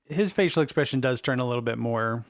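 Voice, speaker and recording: A man's voice: mid-range voice, expressive, quick pace, dry recording, clean studio sound. A man narrating as game master of a tabletop role-playing game, laughing easily and slipping into character voices.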